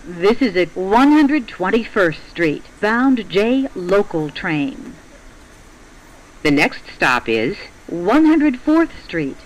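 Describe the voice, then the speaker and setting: A man reading scripted transit announcements in a formal, measured way, as heard on a subway train. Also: high voice, sing-song, low-quality recording. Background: faint train ambience.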